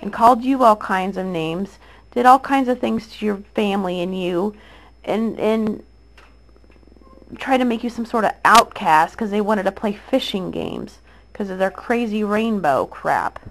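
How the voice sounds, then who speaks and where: Slow, aggrieved woman talking to camera. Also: mid-range voice, expressive, poor audio. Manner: aggrieved, insistent, repeats herself with restarts and fillers. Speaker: mother addressing accusers. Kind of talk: direct-to-camera monologue.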